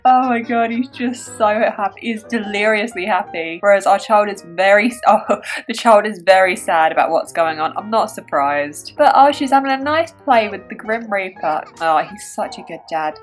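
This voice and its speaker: A woman chatting through a life-sim game as a Let's Play host, giggling and making dark jokes. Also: on the high side. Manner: chatty, giggly, darkly joking. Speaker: gaming YouTuber.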